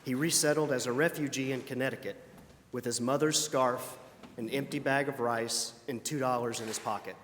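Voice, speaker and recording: A man giving an earnest, formal introduction of a guest speaker at a church service. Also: medium pitch. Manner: earnest, with hesitant "uh" fillers at the start. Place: church sanctuary. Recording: long church hall reverb.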